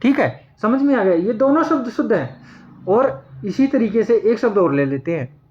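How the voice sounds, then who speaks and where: A man teaching Hindi grammar, repeating each word slowly and answering his own questions as he writes. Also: sits high, big pitch swings, highs cut off, slight background noise. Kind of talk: classroom lesson at a board.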